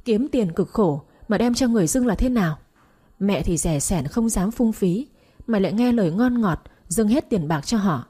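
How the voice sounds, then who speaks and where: A woman's voice: mid-range voice, animated, moderate pace, dark tone, breathy edge. A woman voicing an older mother-in-law who wails and scolds her son in a read-aloud story. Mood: lamenting. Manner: lamenting scolding.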